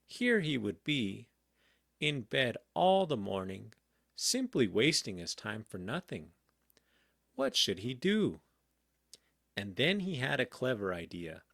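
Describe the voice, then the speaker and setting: A man reading a children's storybook aloud in a calm, gentle bedtime manner. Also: medium pitch, vocal fry, no echo, studio quality. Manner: slow, gentle, very expressive. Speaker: audiobook reader.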